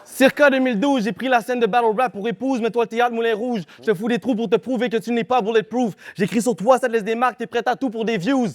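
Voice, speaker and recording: High-voiced Québécois battle rapper. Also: male voice, fast talker, few pauses, darkish tone. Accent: Québécois French. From Quebec. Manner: aggressive rhymed delivery, punchy and confrontational. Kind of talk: live battle rap performance.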